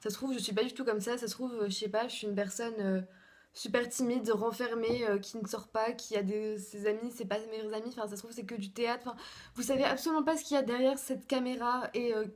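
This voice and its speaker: Chatty young woman vlogging, slightly high voice. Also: steady tone, quick pace, a little mellow. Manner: chatty, rambling with many fillers. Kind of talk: casual vlog chat. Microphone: phone camera.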